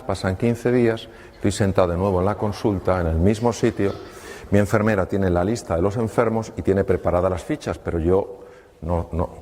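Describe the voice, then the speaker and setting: Doctor telling a story in a hall. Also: male voice, sits low. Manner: lively anecdotes, acts out dialogue with pauses. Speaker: doctor giving a talk. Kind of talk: storytelling talk to an audience. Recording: hall reverb with faint room noise.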